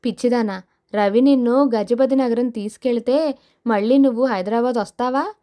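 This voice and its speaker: A woman's voice: on the high side, moderate pace, mellow, close to an everyday voice. A woman voicing a sinister, mocking anonymous phone caller in an audio novel, taunting and menacing.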